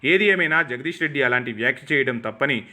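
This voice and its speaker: A man reading scripted political news commentary in short, formal, measured sentences. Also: medium pitch, animated, sharp tone. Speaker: news narrator.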